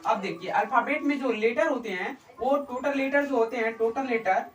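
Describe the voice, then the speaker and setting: A woman's voice: on the high side, moderate pace. A woman teaching in a lesson style, asking the class questions and then answering them herself. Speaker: English teacher. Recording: roomy, mic far from speaker.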